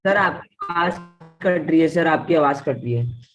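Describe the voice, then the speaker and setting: Eager student guy on the call, says sir a lot, high voice, kinda muffled audio. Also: normal speed, fairly bright tone, faint music behind. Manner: eager, polite, keeps saying sir. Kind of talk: online class chat.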